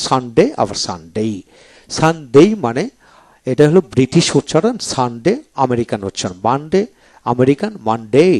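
Lively Bengali man teaching pronunciation. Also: mid-range voice. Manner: explains step by step, repeats example words slowly, often says "then come". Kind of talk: video lecture walking through a book.

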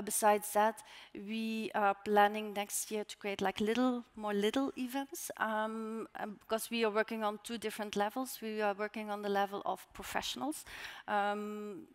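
A woman in her forties speaking on a conference panel, halting and searching for words, with a headset mic on stage. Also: medium pitch. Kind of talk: conference talk. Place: conference stage in a large hall. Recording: long hall reverb.

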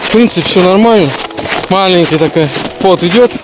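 Out in a snowy pine forest in deep frost, a vlogger in his forties chats through a casual hike, his action camera held at arm's length. He's breathless while trudging through snow, speaking a little fast in a voice that sits high, with background noise around him.

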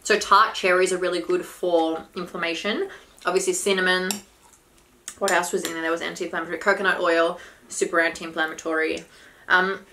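Bright-voiced woman chatting over food. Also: fairly low pitch. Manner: eating while talking. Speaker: vlog host and health coach. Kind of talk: casual mukbang chat with health advice. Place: small room indoors at a table. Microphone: camera a short distance away. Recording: background noise, clinking cutlery and bowls.

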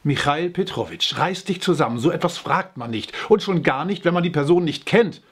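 A man reading aloud, voicing a sharp-tongued older village woman who scolds dryly. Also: medium pitch, sing-song, moderate pace, husky, full character voice. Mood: scolding. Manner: scolding, dry.

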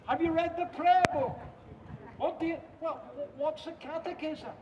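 A man's voice: very high voice, normal speed, background noise. A man voicing a puzzled heavenly welcoming committee, asking hesitant questions inside a street sermon. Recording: far-off echoey muffled street recording.

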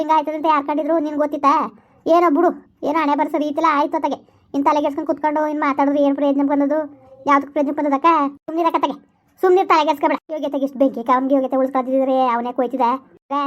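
A woman playing a loud, bitter village woman in a comedy skit, scolding and wailing. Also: high voice, flat delivery, rapid-fire, lightly acted. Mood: quarrelsome. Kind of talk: rural comedy skit acting.

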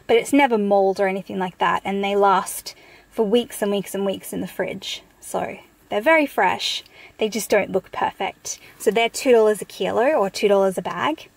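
An Australian vlogger in her thirties sits in a parked car, casually going through her grocery haul and listing prices matter-of-factly. Her voice is a little high.

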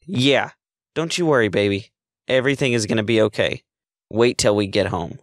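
A man's voice: lowish voice, moderate pace, no echo, clean studio sound, close to an everyday voice. A man voicing a menacing female kidnapper who talks in a soothing yet sarcastic way. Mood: falsely soothing.

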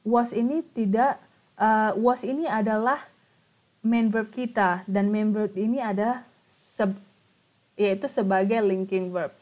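A woman's voice: mid-range voice, steady tone, a little slow, darkish tone. A woman with an Indonesian accent leads an online grammar class in a mid-range voice. She talks in a chatty way, switches between English and Indonesian, and checks in with the students often. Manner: mixes Indonesian explanations into English, chatty, asks the class questions.

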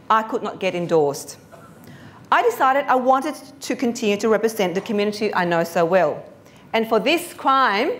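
A middle-aged woman, a former councillor, giving an earnest, composed speech at a lectern in a conference hall. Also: mid-range voice.

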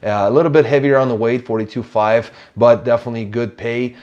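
A man's voice: medium pitch, steady tone, darkish tone, highs cut off. A man in his thirties reviewing trucking loads to camera in a small office, reading off miles and rates with frequent "uh" and "you know". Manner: brisk, number-heavy delivery with frequent "uh" and "you know". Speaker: truck dispatch company host. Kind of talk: business recap to camera. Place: small office, indoors, seated in leather chair. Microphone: lapel mic.

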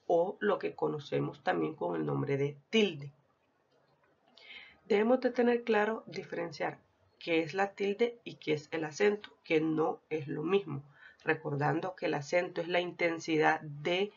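A woman teacher talks through a prepared lesson as a voice-over for slides. Her voice has a gravelly, creaky edge, and she speaks in a deliberate, explanatory way. The lo-fi recording sounds dull and muffled. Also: on the low side. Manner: deliberate, explanatory, reads out lists of example words. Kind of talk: scripted lesson narration.

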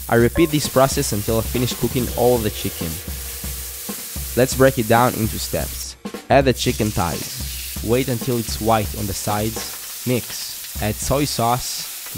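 A young man narrates a recipe in a calm, steady voice-over, walking through each step in order. His pitch sits at an ordinary middle level. Clear background music plays under his voice throughout. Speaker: fitness cooking creator. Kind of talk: scripted cooking voice-over.

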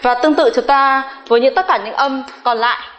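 A woman English teacher giving a recorded pronunciation lesson, speaking slowly and carefully and repeating each example word for drill. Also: high-pitched, a bit bright, soft background music. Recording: echoey room with long reverb.

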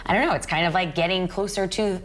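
A woman's voice: on the low side, fast talker. A woman in her late twenties co-hosting a morning TV show, chatting loosely with lots of fillers on a studio couch. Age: late 20s. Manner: chatty, rambling with many fillers. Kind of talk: casual studio chat. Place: TV studio set, seated on couch.

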